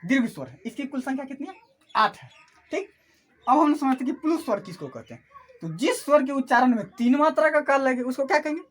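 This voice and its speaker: A woman's voice: high-pitched, lively intonation, fast. A woman teaching an online class who asks questions and answers them herself, repeating each key term.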